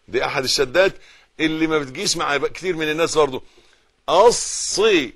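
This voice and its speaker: A man's voice: a little high, a bit bright, breathy edge. A middle-aged Egyptian man teaching Quran recitation, correcting mistakes and repeating each word for the listener to follow. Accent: Egyptian Arabic.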